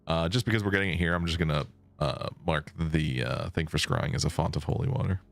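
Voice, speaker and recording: A young man with an extremely deep, gravelly voice, playing a tabletop game and talking fast and offhandedly. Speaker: player.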